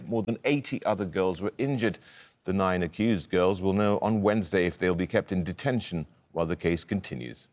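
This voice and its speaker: A man reads the news with a steady, measured delivery. His voice sits somewhat low. The read is clean and scripted. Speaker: news anchor.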